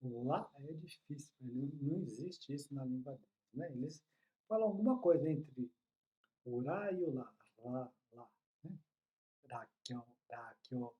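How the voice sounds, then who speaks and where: A man's voice: mid-range voice, animated, normal speed, dull audio. A man, explaining Japanese in a casual online lesson and often checking in with the listener. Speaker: Japanese teacher.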